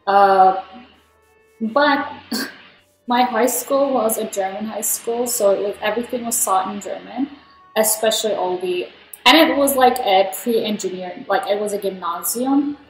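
A woman's voice: mid-range voice, measured pace. Young woman from Turkey, rambling gameplay chatter, roomy mic with faint music under it. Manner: rambling, chatty, many fillers. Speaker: gaming vlogger. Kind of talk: casual gameplay commentary.

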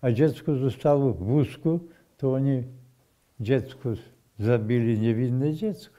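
An older man speaking in a recalls what he witnessed. He talks slowly and haltingly, in a very dark, mellow voice. He often breaks off, restarts and repeats phrases. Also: mid-range voice. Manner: slow, halting storytelling with restarts and repetitions. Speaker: eyewitness. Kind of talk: oral history testimony.

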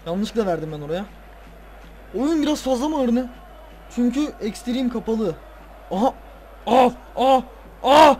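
A tired man playing a football video game, casually commenting, swearing and ranting at the players with excitable outbursts. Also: very high voice, moderate pace, long pauses, a little hiss or hum. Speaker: gaming video creator.

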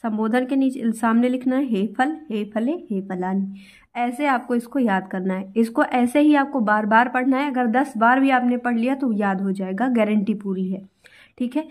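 A woman's voice: fairly high pitch, normal speed. A young adult woman teacher giving an exam-prep grammar lesson, talking straight to her students and reassuring them as she repeats each step. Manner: reassuring, repetitive, addresses students directly.

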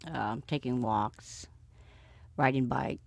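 A woman in her late forties from Sacramento, talking softly and thoughtfully as she answers personal questions in a recorded interview, with unhurried pauses. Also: rumbling low, creaky, dry recording. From Sacramento, California. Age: 40s. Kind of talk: casual personal conversation. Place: small recording booth.

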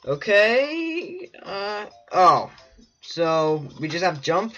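Chatty gamer voice, bouncy and up-and-down, muffled mic, quiet game music underneath. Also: mid-range voice, big pitch swings, measured pace. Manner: chatty and playful, talks to viewers. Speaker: let's play host. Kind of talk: casual gameplay commentary.

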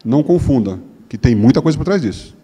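A man with a Brazilian Portuguese accent giving a humorous lecture, joking and mimicking women's voices in a higher tone. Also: lively intonation, fast talker, warm tone. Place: lecture hall. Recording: long hall reverb.

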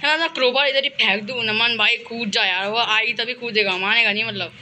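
A young man with an Indian accent giving excited horror game commentary, panicking and urging himself on by name. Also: very high voice, a little fast, slight background noise. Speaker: gaming channel host.

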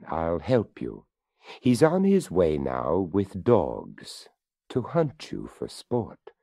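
A man's voice: lowish voice, mellow, dry recording, clean studio sound, pitched above the performer's own voice, exaggerated voice. A man voicing a courteous, formal old male skeleton in a storybook reading. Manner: formal, polite.

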